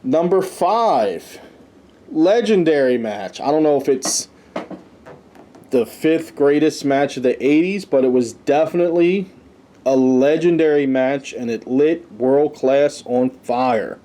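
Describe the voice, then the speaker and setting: Slow and expressive, this man's slightly high voice has a dark tone, with a little hiss or hum in the background. Hosting a wrestling-history podcast, he reads a list aloud and chats about it casually, tossing in his own comments.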